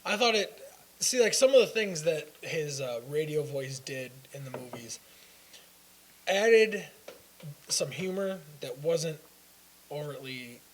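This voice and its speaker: Rambling young man, slightly higher voice. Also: animated, takes it slowly, long pauses, poor audio. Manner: rambling, hesitant with fillers and restarts. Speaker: co-host. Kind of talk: casual fan discussion. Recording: faint hiss.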